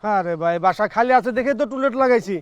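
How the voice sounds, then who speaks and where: A man's voice: sits high, fast, a little hiss or hum, close to an everyday voice. A man playing a rude, brusque building caretaker. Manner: brusque, curt.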